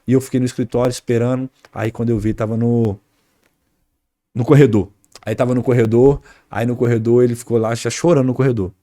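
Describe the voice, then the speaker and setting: Speaking briskly in a level, mellow, mid-range voice, a Brazilian-accented podcast guest relates a family anecdote in a relaxed way, acting out what was said. He sprinkles in fillers such as "né" and "cara", and the studio-quality audio has no room sound.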